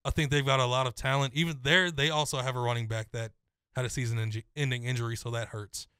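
A young man talks college football picks in a steady, confident flow, laying out detail after detail. His voice is smooth and clear, recorded close and dry with no room sound. He sounds at an everyday middle pitch. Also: fast talker, no echo. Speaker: co-host. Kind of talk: casual sports chat.

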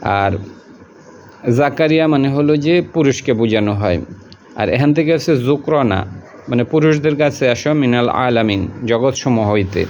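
Going over every word and its meaning again and again, a man teaches a translation lesson at normal speed in a middle-pitched, darkish voice. He sounds patient and casual. There is faint hiss behind him, and the audio is slightly muffled and lo-fi.

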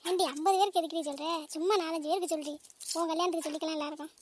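A woman's voice: extremely high pitch, steady tone, very fast, a little hiss or hum. A woman voicing a scolding, melodramatic middle-aged mother in a cartoon family drama. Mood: bossy. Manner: nagging, melodramatic.

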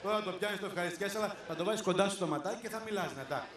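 A male comedian with a high-pitched, slightly bright voice hosts a live stage show in a large theater, calling audience volunteers up and teasing them playfully, often laughing. The recording is echoey, with crowd noise from the live audience.

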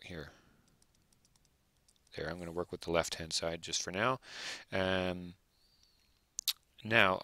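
A male math teacher working through examples aloud, thinking out loud and checking in with rhetorical questions. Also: lowish voice, gravelly, dry recording. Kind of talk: recorded lecture over worked examples.

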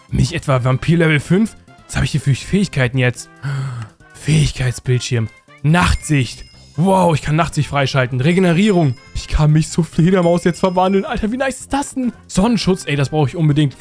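A man hosting a Minecraft role-play let's play, talking excitedly and constantly to his viewers. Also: fairly high pitch. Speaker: host.

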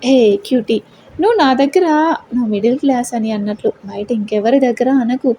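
A woman's voice: a little high, brisk, dark tone, a little hiss or hum, lightly acted. A woman voicing a playful, protective young man who teases his sister-like friend affectionately in an audio story. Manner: playful, joking, affectionate teasing.

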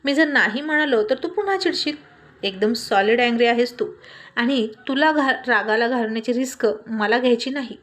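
Hot-headed young boyfriend guy, teasing and protective, kinda high voice , woman narrator doing him. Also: normal speed, fairly bright tone, lightly acted. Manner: playful banter with Hindi phrases.

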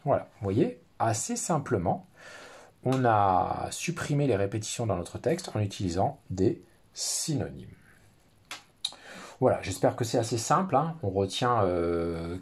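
A man's voice: low-pitched, darkish tone, husky. A man teaching a recorded lesson to pupils, explaining in a friendly way with many fillers.

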